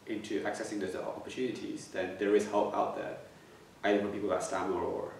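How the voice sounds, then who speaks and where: A man's voice: lowish voice, little pitch movement, a little fast, vocal fry, darkish tone, a little hiss or hum. A man in his twenties who stammers, repeating words and restarting as he answers interview questions reflectively. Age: 20s. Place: plain room indoors. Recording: echoey room, slightly distant mic.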